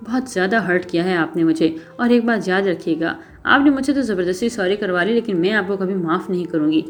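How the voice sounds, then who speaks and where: A woman's voice: fairly high pitch, a little mellow, natural voice. A woman voicing a spirited young heroine in a story reading, talking with indignant, emotional force. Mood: hurt. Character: spirited young woman, proud and quick to anger. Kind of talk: audiobook character reading.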